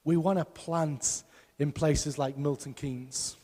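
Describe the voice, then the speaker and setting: A man's voice: a little high, steady tone, takes it slowly, dark tone, slightly rough, in a large hall. A man preaching a sermon as pastor, emphatic and putting rhetorical questions to his congregation. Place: church hall.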